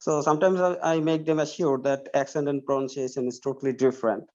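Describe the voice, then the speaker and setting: Slow, hesitant Bangladeshi man. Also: mid-range voice, a little mellow, muffled recording. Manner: hesitant, many fillers and restarts. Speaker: high school teacher. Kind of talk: online class conversation.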